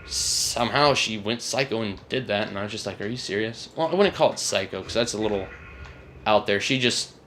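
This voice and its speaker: Young male vlogger, low-pitched, rambling and self-correcting storyteller, faint background noise. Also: fairly quick, a bit bright. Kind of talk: casual storytime rant.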